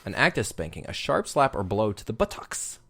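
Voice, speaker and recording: A man's voice: lowish voice, big pitch swings, fairly quick, gravelly, bright, forceful tone, breathy edge. A man co-hosting a podcast at home, chatting casually and playfully with his wife into a desk microphone. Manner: joking, playful. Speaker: podcast co-host. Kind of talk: casual chat. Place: home room with lights off.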